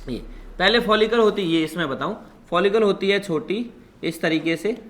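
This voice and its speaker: A man's voice: sits high, moderate pace, fairly bright tone. A man giving a biology class lecture, quizzing his students with constant questions and calling them "child". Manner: calls students "child" affectionately. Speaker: biology teacher.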